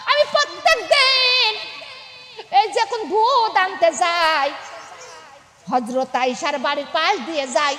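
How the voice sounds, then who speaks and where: A pious young wife speaks earnestly and pleadingly, voiced by a woman preacher as she tells the tale. The voice is very high and bright. It rings out with a long hall reverb. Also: full character voice.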